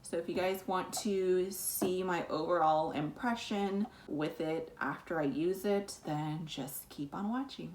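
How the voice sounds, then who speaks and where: A young adult woman vlogging casually at home, chatty and bubbly with quick asides. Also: lowish voice, a little mellow, slight background noise. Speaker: wellness vlogger. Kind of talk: casual vlog chat. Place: home, indoors.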